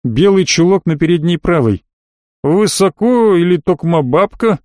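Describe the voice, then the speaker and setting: A man's voice: high-pitched, animated, measured pace, darkish tone, no echo, studio quality, voice pushed up. A man voicing a fawning, folksy provincial cab driver with rustic, obsequious speech. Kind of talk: audiobook character voice.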